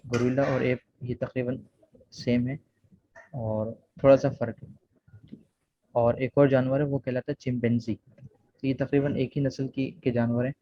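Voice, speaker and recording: A man's voice: medium pitch, dry recording. A man with an Urdu accent teaching a beginner English lesson online, patient and repetitive as he explains sounds and words. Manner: patient, repeats "theek hai" often. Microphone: video call. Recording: dull, dry video call audio.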